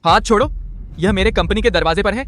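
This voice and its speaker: A man's voice: sits high, brisk, fairly bright tone. A man dubbing an arrogant rich heir who mocks and threatens his victim. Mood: sneering. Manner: sneering, taunting. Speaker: dub actor. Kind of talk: Hindi drama dub.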